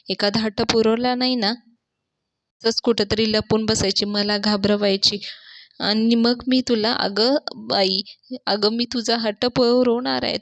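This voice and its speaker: A woman's voice: a little high, a bit bright, dry recording. Woman retelling a serial episode, dry close sound. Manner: quotes each character's lines in her own plain voice; hesitant, with fillers and restarts.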